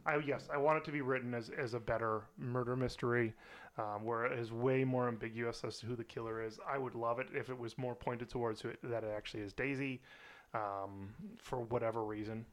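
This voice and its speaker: A man's voice: medium pitch, steady tone, a little fast. A man co-hosting a casual film podcast, chatty and laughing often as he quizzes his co-host.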